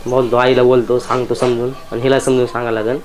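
A man playing a weary husband torn between his wife and his mother, pleading and trying to calm things down. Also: medium pitch, quick pace, heavy background noise, natural voice. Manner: pleading, tries to calm and placate.

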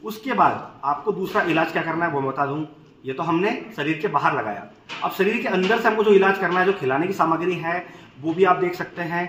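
A man in his thirties talks to camera as a goat farmer and channel host, laying out a remedy step by step and repeating the key points for his viewers. His voice sits a little high. The sound carries the echo of a large open shed over a faint bed of background noise. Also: animated, fairly quick, a bit bright. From India. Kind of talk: instructional farming video. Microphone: camera at medium distance, standing to camera.

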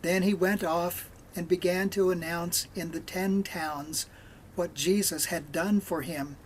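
A man leading a morning devotional, reading scripture aloud in a measured way with pauses. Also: high voice, fairly even intonation, slight background noise. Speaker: devotional leader.

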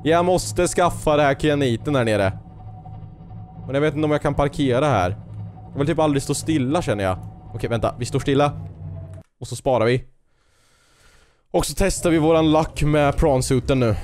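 In a high-ish voice, a gaming video host pauses often as he works through a let's play. Jumpy and excitable, he yelps nervously, jokes and mutters to himself, and talks back at the creatures in the game. Faint music plays in the background.

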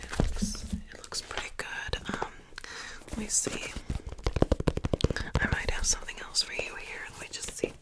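Fast, aggressive ASMR whisper, young woman. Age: young adult. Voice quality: breathy, mostly unvoiced whisper. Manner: rapid, insistent repetition of short phrases. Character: chaotic, fussing friend cleansing the listener's energy. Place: small room indoors at home. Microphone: close to the camera mic.

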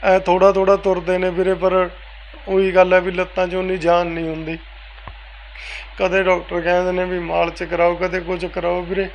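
Man, high voice, flat delivery, soft-spoken interview answers, faint background noise. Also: moderate pace, gravelly, poor audio. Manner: soft-spoken, repeats "veere" often. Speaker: interviewee, family member.

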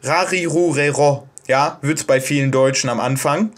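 Man, from germany, casual language tutorial, hesitant, fillers and restarts, fairly high voice. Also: lively intonation, normal speed, fairly bright tone. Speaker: video host explaining Japanese pronunciation. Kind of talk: casual self-made tutorial.

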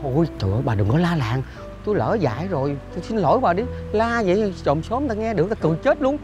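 A man's voice: high voice, sing-song, quick pace. A man playing a sheepish older husband who pleads and placates his angry wife. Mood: pleading. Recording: loud music bed behind.

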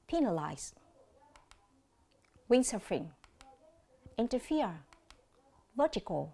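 A woman English teacher with a Vietnamese accent, explaining test exercises slowly and carefully in a televised lesson. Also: mid-range voice, warm tone. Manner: slow, careful explanations mixing English terms and answer choices.

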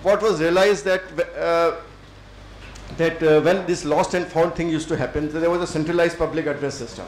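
A middle-aged Indian man with an Indian English accent gives a thoughtful lecture to students, with many fillers and pauses. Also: a little high, fairly even intonation, roomy sound, slight background noise, low-quality recording. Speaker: civil servant speaker. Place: lecture hall.

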